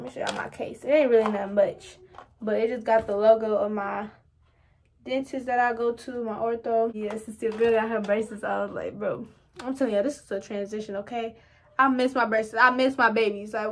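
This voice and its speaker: A young woman vlogging casually to the camera at home, chatty and rambling, often calling her viewers y'all. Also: a little high. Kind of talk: casual vlog chat to camera.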